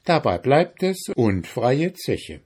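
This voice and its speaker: Sneering, unshakable stranger in a fairy tale, raised voice, deliberate pace, read by a man. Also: mid-range voice, big pitch swings, a little mellow, breathy edge, exaggerated voice. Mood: mocking. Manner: mocking, haggling, raised voice. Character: mocking, unbending male stranger bargaining.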